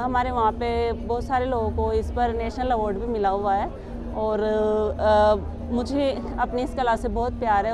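A woman in her thirties, a weaver from a weaving village near Kota, explaining her craft earnestly with pauses and fillers at a craft fair stall, recorded by a camera a few metres away. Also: a little high, background noise. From Kaithoon, Rajasthan, India. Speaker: Kota Doria weaver and artisan. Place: indoor craft fair stall with saris on display.

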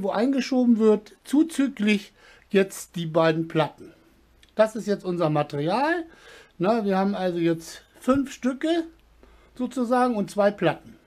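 A sailing channel host in his fifties, whose voice sits high, walks through hands-on work step by step in a casual demonstration. He is recorded indoors in a small workshop by a camera a step or two away, so he sounds far from the mic.

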